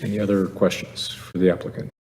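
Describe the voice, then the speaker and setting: Very low male chair running a hearing; procedural, oath-giving delivery, captured as a reverberant hearing-room recording. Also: steady tone, fast, darkish tone. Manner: formal, procedural, administers an oath. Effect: public hearing room recording. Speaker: chair of a zoning appeals board. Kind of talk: formal public hearing procedure. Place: council chamber or public meeting room. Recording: echoey hearing room, faint background hum.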